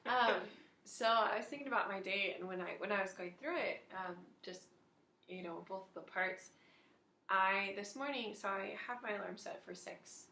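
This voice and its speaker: Gravelly hesitant woman in an echoey room. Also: mid-range voice, normal speed, bright, forceful tone. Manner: hesitant, many fillers and restarts. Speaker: roommate sharing prayer reflection. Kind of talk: casual spoken reflection. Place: home at night.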